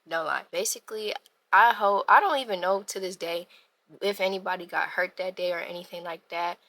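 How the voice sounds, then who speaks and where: A young woman vlogger telling a dramatic personal story in an animated, slangy way. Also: on the low side, brisk. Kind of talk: storytime vlog.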